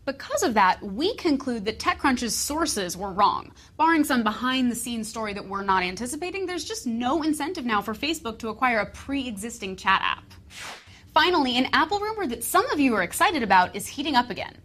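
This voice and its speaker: A woman's voice: a little high, fairly bright tone. A woman co-hosting a scripted tech rumor show with wry, skeptical banter.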